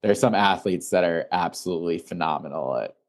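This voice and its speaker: A young man from Illinois, a founder being interviewed, talking in a relaxed, rambling way full of "like" fillers. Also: deep voice, fairly quick. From Illinois, USA. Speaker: founder and guest. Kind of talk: casual interview.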